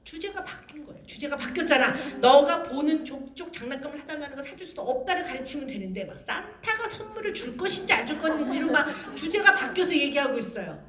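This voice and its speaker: A middle-aged woman giving a lively parenting lecture, acting out mothers and children as she talks. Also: high voice, fast talker, few pauses, far from the mic. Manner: animated, acts out mother and child voices. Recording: roomy hall sound, faint noise.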